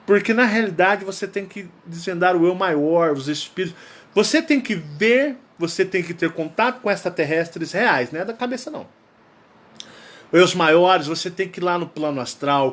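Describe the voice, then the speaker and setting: A man with a Brazilian Portuguese accent, hosting his channel and telling a personal story in casual style, emphatic and prone to repeating key phrases. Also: high voice. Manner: acts out quoted dialogue. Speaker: channel host.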